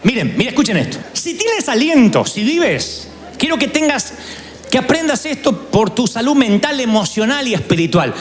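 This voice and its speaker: A man's voice: very high-pitched, moderate pace. A man preaching a sermon, telling stories with humor. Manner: animated storytelling with humor.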